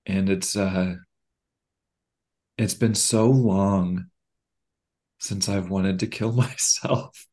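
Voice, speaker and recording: Very low-voiced man talking haltingly. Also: darkish tone. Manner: halting, frequent fillers and restarts; candid and reflective. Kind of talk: casual podcast conversation.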